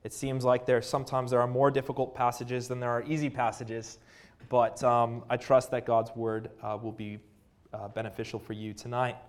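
Preaching earnestly, a Canadian-accented man reads scripture and prays in a mid-range voice with a flat delivery. His speech is full of pauses and fillers.

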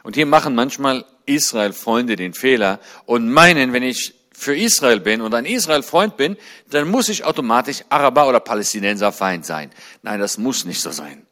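Expressive and speaking at normal speed, a man in his forties addresses a church congregation as a guest speaker. His friendly, chatty tone gives way to fervor as he rises high and loud to drive home key points.

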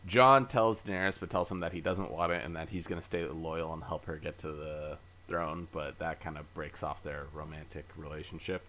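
A man with a very low voice and a bright, forceful tone hosts a casual podcast chat. He rambles through a recap, pausing on fillers and correcting himself as he goes. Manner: easygoing, self-correcting. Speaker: podcast host.

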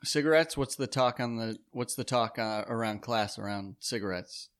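A man's voice: mid-range voice, moderate pace, a bit bright. A man hosting a casual chat, joking with mock-serious banter. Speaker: host.

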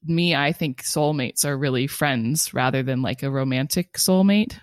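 A woman's voice: rumbling low, normal speed, dry recording, clean studio sound. A woman from California with an American accent, talking casually as a podcast co-host. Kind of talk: casual chat.

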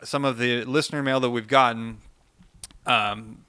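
Male podcast co-host, bright and crisp, dry close mic, rambling casual delivery. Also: mid-range voice, fairly even intonation, moderate pace, dry recording. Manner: loose, rambling, lots of fillers.

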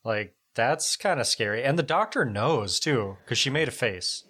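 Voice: medium pitch, animated, normal speed, a bit bright. A podcast co-host chatting casually, agreeing and laughing along with the others. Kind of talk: casual chat.

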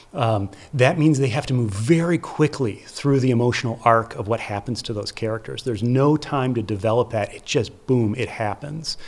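As an interview guest, this American theater producer and festival curator has a mid-range, slightly mellow voice. He explains things conversationally, underlining his points with brief repeated phrases.

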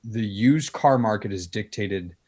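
A man's voice: lowish voice, measured pace, mellow, slightly rough. A man in casual conversation, telling things in an informal, anecdotal way. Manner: acts out quoted dialogue when telling stories.

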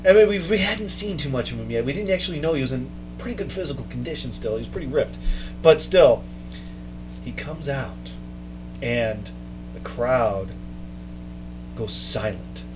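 A man hosting a casual chat, telling a story with mounting excitement. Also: mid-range voice, normal speed, long pauses, music in the background, rough recording. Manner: excited storytelling, quoting others in raised voice. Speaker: podcast host.

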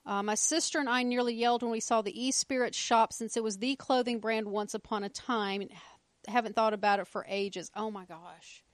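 A woman's voice: a little high, fairly even intonation, moderate pace, no echo. A woman with a Southern US accent co-hosting a casual podcast, reading listener notes aloud with wry, profane asides. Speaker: podcast host.

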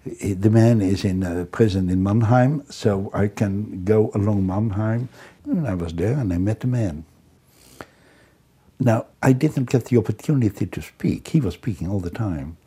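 Older man, deep and husky, reflective storyteller. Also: animated, mellow. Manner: reflective, halting with restarts. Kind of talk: recounting stories, interview.

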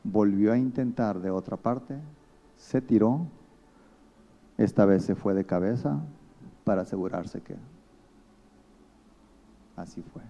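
A man's voice: lowish voice, slow pace, pauses often, dark tone. A man with a Mexican accent preaching a sermon as pastor, telling stories and acting out the people he quotes. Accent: Mexican Spanish.

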